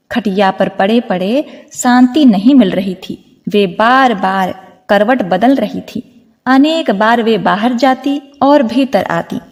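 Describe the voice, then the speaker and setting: A woman narrating a devotional story, speaking to listeners as devotees in a gentle, steady telling. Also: on the high side, in a large hall.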